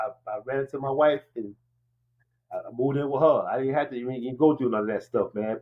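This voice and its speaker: A man sharing his experience as a guest in casual talk, halting and often checking that he is understood. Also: mid-range voice, dull audio. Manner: halting, peppered with 'you know what I mean' check-ins. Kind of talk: casual conversational testimony.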